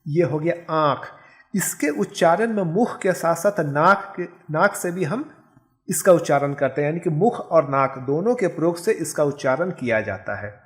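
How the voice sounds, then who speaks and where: A male teacher giving a Hindi grammar lesson, explaining step by step and saying example words slowly and carefully. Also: fairly high pitch, animated. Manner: explains step by step, often checking with "ठीक है". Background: background noise.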